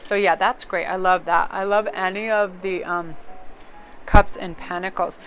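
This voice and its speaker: A woman's voice: lowish voice, fairly even intonation, a little slow, fairly bright tone, a little hiss or hum. A woman casually reading tarot cards aloud, chatty and rambling, often breaking into laughter. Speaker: tarot card reader.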